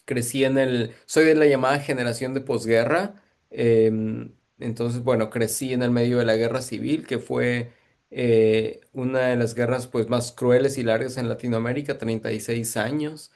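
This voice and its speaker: A man's voice: mid-range voice, steady tone, moderate pace, a little mellow. Reflective man, curator guest. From Guatemala. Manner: thoughtful, searching for words. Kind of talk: reflective interview answers.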